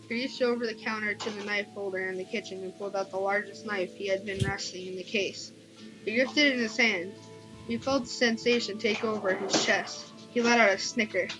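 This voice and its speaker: A woman's voice: medium pitch, poor audio. A young woman reading a horror story aloud in a casual way, often stumbling and restarting lines. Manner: reads with frequent stumbles and restarts. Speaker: creepypasta reader. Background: background music.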